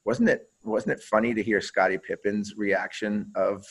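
A man's voice: on the low side, steady tone, normal speed, breathy edge, rough recording. A man who played pro hockey, telling stories in a casual interview and swearing freely, often repeating and restarting his words.

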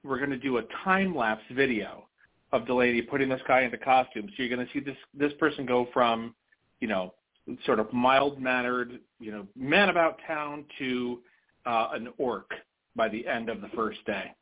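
A man's voice: mid-range voice, normal speed. An American man chatting casually as a podcast guest over the phone, telling stories with chatty emphasis. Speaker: podcast guest, convention organiser. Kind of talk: casual phone interview chat. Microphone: phone call. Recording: tinny live phone line.

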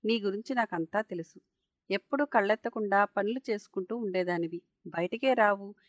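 Woman doing a gentle, caring lawyer lady. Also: mid-range voice, fairly quick, dry recording, lo-fi sound, close to an everyday voice. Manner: gentle, affectionate. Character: kind, caring woman lawyer and social worker.

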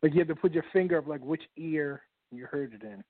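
A man's voice: a little high, lively intonation, fast talker, no room sound. Man on a tinny phone line. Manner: repeats himself, plainly checking what he hears. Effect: thin phone-line sound. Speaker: caller testing a phone connection.

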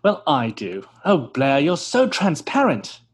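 A man's voice: on the high side, huge pitch swings, unhurried, slightly rough, exaggerated voice. An actor playing a vain, pompous male stage actor who talks theatrically and scoffs, in an old-time radio drama.

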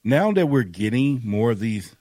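A man's voice: medium pitch, sing-song, normal speed, dark tone, dry recording. A man in his fifties talking at length as a guest in a casual podcast chat, rambling and self-deprecating. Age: 50s.

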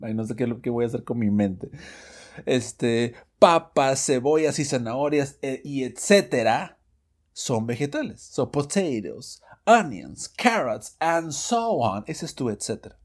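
A man teaching English phrases in a Spanish-language lesson podcast, lively and self-correcting, reading the example sentences slowly. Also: medium pitch. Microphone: studio microphone, audio only.

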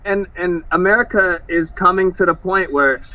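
A man's voice: high-pitched, moderate pace, bright, forceful tone, no room sound, lo-fi sound. A man, a fighter, chatting casually in an interview in a laid-back, rambling way full of slang and fillers.

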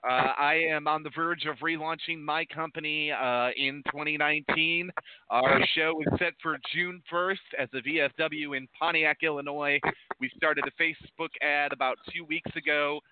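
A man's voice: a little high, fairly even intonation, moderate pace, clear, resonant tone, no room sound. A man hosting a live internet wrestling radio show as its presenter. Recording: dull, muffled lo-fi audio.

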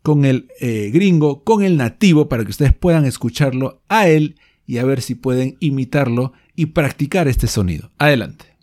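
A man teaching English pronunciation to Spanish speakers, stretching out the example words slowly. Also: medium pitch, lively intonation, darkish tone. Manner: slow, drawn-out demonstrations. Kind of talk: pronunciation lesson.

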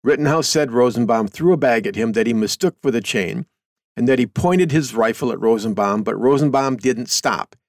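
A man's voice: mid-range voice, normal speed, no echo, studio quality. A middle-aged man hosting a show, reading a news article aloud and commenting on it in a folksy, conversational way. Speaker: host.

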